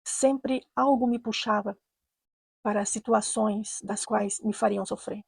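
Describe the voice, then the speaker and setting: A Brazilian woman with a Brazilian Portuguese accent narrates a personal story in a measured, earnest way and leans on repeated phrases. Her voice is mellow and slightly husky. The recording is dry and close. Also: mid-range voice, fairly even intonation, no echo. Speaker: storyteller, channel host.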